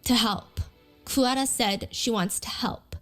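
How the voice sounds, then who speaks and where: A woman's voice: fairly high pitch, steady tone, a little slow, fairly bright tone. A woman telling a true story in a conversational way, reading out text messages and quotes along the way. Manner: conversational, reads out texts and quotes. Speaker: documentary narrator. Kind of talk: storytelling video narration. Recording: narration played with background music.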